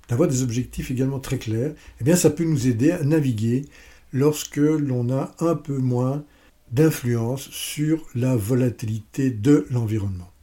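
A man presenting a business lesson step by step, with playful, self-mocking asides. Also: medium pitch. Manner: steady step-by-step explaining.

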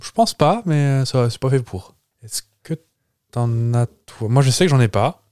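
A man's voice: medium pitch, lively intonation, normal speed, darkish tone, clear, resonant tone, dry recording. A man with a Moselle accent co-hosts a podcast in a studio, talking straight into the microphone. His voice is dry and close, with no room sound, and it sits in an ordinary middle register. He teases his partner and wanders off into rambling asides. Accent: Moselle French. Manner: playful and teasing, rambling asides. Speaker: podcast co-host. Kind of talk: casual chat. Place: studio with a producer present.

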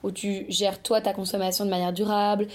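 A woman hosting a casual podcast conversation and prompting her guests with quick follow-up questions. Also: mid-range voice, level tone. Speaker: podcast host.

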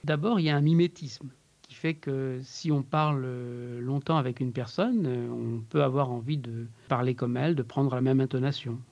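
A man working as an accent coach, explaining in an interview in a measured way with frequent hesitations. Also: mid-range voice, fairly even intonation, gravelly, darkish tone, lo-fi sound.

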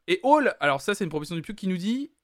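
A man's voice: high-pitched, big pitch swings, racing, fairly bright tone, no echo, studio quality. Hesitant chatty man hosting a stream. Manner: hesitant, filler-heavy, chatty. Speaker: streaming music show host. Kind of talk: casual live-stream commentary.

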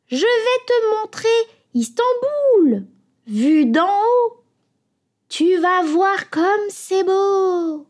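A woman's voice: very high-pitched, animated, extremely slow, darkish tone, pitched above the performer's own voice, heavily acted. A woman voicing a hungry female seagull who sweetly coaxes a bread roll to come into her beak. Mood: wheedling. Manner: sweet, wheedling.

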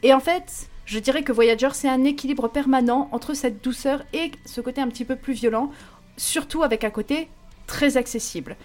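A woman's voice: high-pitched, normal speed, a little mellow. Enthusiastic woman, playful podcast chat. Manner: enthusiastic, playful, laughs often. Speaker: music review co-host.

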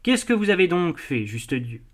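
A man voicing a courteous, smooth-talking prince in an audiobook, explaining things patiently and politely. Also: a little high, big pitch swings, normal speed. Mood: reassuring. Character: suave courteous male prince, smooth talker. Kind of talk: audiobook dialogue reading.

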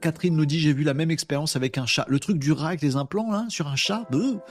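A man's voice: a little high, fast talker, faint music behind. A man hosting a live stream, chatting loosely with many fillers and reading out viewer comments. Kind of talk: casual live stream chat.

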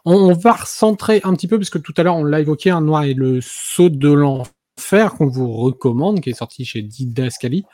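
A man's voice: a little high, animated, normal speed, warm tone, no echo, studio quality. A man hosting a casual chat, talking loosely with lots of fillers. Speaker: host.

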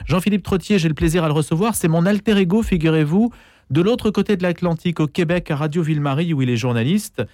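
A male radio host with a fairly high voice, speaking in a brisk, emphatic manner as he sets up his guest. The sound is close and dry, with no room around it. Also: darkish tone, no room sound. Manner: brisk, emphatic listing of topics. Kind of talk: radio interview.

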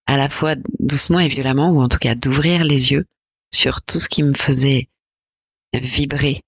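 A woman in her forties from France, a podcast guest talking reflectively and hesitantly about her life, with many pauses and fillers. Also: very deep voice, fairly even intonation, husky, no echo, muffled recording. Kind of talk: personal interview conversation.

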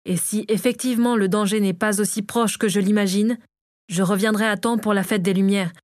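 A woman's voice: medium pitch, fairly even intonation, brisk, darkish tone, dry recording, clean studio sound, natural voice. A woman reading the lines of an anxious male lord set on protecting his land, in an urgent, determined way.

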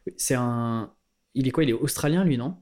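Male podcast host, middle-pitched, loose and chatty, keeps restarting his sentences. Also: normal speed, darkish tone. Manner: casual, rambling, many fillers and restarts. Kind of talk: podcast interview.

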